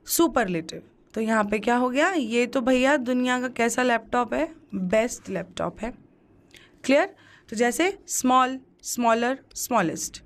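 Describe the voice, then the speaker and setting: A woman with a high voice teaches a grammar lesson over slides. She pronounces English words with a Hindi accent. She keeps asking the class questions and then answering them herself. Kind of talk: exam-prep grammar lesson.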